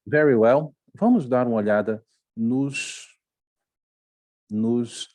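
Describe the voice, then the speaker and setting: A man with a Brazilian accent teaching English grammar in Portuguese, saying English examples slowly and often checking with "ok?". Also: medium pitch, darkish tone. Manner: patient, repeats checks like "ok?" and "tá?", reads examples slowly.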